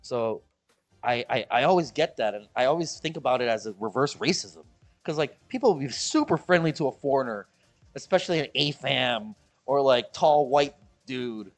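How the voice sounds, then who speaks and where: The man sounds expressive and moves at a moderate pace, with faint music in the background. A Midwestern-accented Chicagoan streaming from the Philippines, he jokes around with viewers in a rambling, repetitive way and imitates people in high voices.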